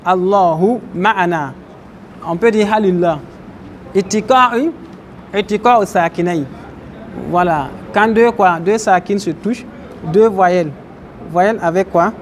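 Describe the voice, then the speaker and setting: Unhurried and pausing often, a high-voiced Islamic teacher explains Arabic terms in a religious class and asks his listeners questions. He's recorded in a mosque with faint outdoor traffic and slight background noise.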